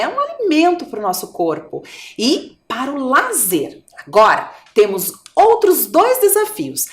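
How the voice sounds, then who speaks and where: A woman's voice: a little high, echoey room. Sing-song woman teaching small children. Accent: Brazilian Portuguese. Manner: sing-song, coaxing, drawn-out words. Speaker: primary school teacher. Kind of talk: video lesson for young children.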